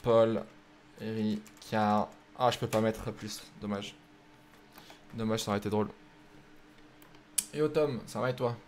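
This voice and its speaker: A man's voice: lowish voice, fairly even intonation, slow pace, pauses often, a little mellow, a little hiss or hum. A young man streaming live, chatting casually with his viewers and joking while he sets up racing games. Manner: joking, chatty, thinks aloud while setting up races. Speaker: streamer hosting a racing game night.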